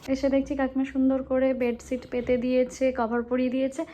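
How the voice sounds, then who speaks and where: A young woman with a high, light voice vlogs casually from her family home and kitchen, chatting to her viewers as she goes. She talks to a handheld phone camera, with a faint hum of home ambience behind her. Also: completely flat delivery, a little fast. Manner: chatty, addresses viewers as guys. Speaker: family vlogger. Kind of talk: casual vlog narration to camera.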